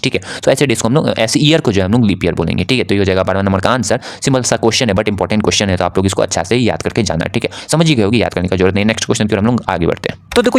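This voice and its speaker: A man teaching, walking students through exam answers and reading the written answers slowly before explaining them quickly. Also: medium pitch. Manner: fills with repeated "okay".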